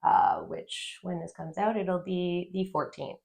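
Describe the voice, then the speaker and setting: A young adult woman from Ireland co-hosting a podcast in casual chat, laughing often and pausing with fillers. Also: fairly low pitch, gravelly, a little mellow. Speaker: podcast co-host.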